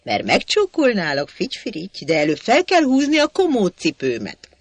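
A man voicing a punning, obtuse male coffee-house regular who misreads everything with a deadpan air. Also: high voice, no echo, heavily acted. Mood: innocent puzzlement.

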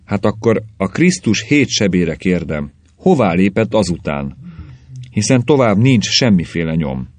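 A man's voice: sits low, big pitch swings, a little mellow, dry recording. A man voicing a nervous middle-aged townsman who talks in an anxious, pleading way. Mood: agitated.

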